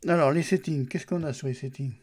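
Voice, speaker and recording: A man's voice: on the high side, a little fast, a little mellow. A man casually thinking aloud as he tours a computer's settings and apps, talking straight to the viewer. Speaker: YouTuber testing a Linux distribution. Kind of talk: casual screen-recorded software walkthrough.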